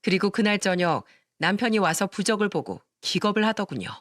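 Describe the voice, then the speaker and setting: A woman narrating a first-person family story in a calm, steady scripted reading. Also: mid-range voice, fairly quick, no room sound.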